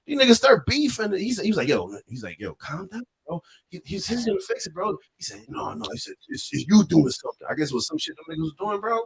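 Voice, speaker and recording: High, animated man telling a story. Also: fast talker, gravelly, few pauses. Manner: animated, acts out voices in his stories. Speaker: podcast co-host. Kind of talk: casual storytelling banter.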